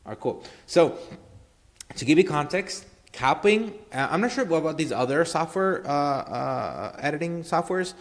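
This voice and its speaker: A man's voice: fairly high pitch, sing-song, a little slow. A man hosting a casual screen-share marketing tutorial, rambling with lots of fillers and tag questions. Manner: rambling, filler-heavy, keeps saying obviously and right.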